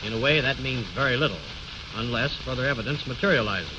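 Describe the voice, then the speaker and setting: An actor playing a calm, courteous lawyer with precise, formal diction in an old radio comedy. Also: male voice, medium pitch, fast, lightly acted. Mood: businesslike. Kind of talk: 1930s-40s radio comedy acting. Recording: muffled, noisy old radio recording.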